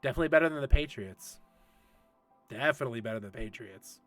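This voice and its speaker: A man's voice: medium pitch, expressive, fast, faint music behind. A man in his late thirties hosting a casual livestream Q&A for an esports league, chatty and laughing often while answering chat. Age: 30s.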